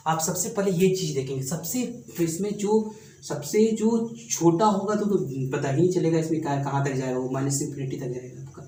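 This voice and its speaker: A man's voice: on the high side, brisk, mellow. A man teaching a maths exam-prep lesson, explaining step by step and asking the class rhetorical questions. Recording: echoey room, mic at a distance, faint room noise.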